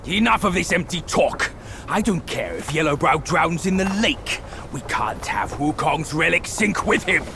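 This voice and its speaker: Bajie, a blustering pig demon. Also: male voice, on the high side, sing-song, moderate pace, vocal fry, music in the background. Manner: blustering, loud and jokey. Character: brash, greedy male pig demon warrior.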